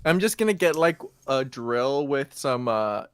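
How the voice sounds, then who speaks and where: A man's voice: medium pitch, very animated, a little slow. A man in a casual band chat, wry and grumbling, swearing casually. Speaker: band member.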